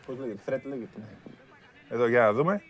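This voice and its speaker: A man co-hosting a sports talk show, stubborn and grumbling as he argues his point in studio banter. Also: mid-range voice. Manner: stubborn, grumbling about referees.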